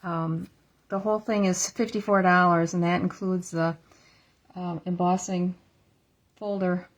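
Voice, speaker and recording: A woman's voice: fairly low pitch, flat delivery, measured pace. Chatty woman demonstrating card making. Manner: chatty, thinks aloud while working. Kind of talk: casual craft tutorial. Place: at a craft table. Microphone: iPad camera on a stand.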